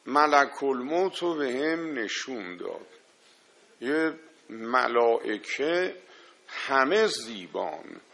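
A man's voice: mid-range voice, bright, forceful tone. A man preaching a religious sermon, telling a story dramatically and addressing his listeners directly with emphatic warnings. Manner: dramatic, emphatic, acts out quoted dialogue.

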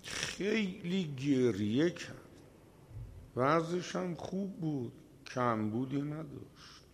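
A man giving a religious sermon, telling a story with slow, emphatic delivery, dramatic pauses, and a voice that swells at the key moments. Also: on the high side, lively intonation, creaky, a little hiss or hum. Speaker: preacher.

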